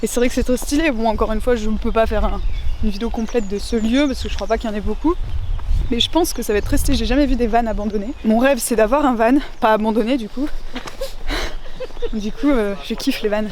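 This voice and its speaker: A young woman chatting casually on a vlog while exploring abandoned places outdoors, excitable and exclamatory, with a handheld camera. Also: fairly high pitch, quick pace, a little hiss or hum. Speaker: urbex vlogger. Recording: clear background music.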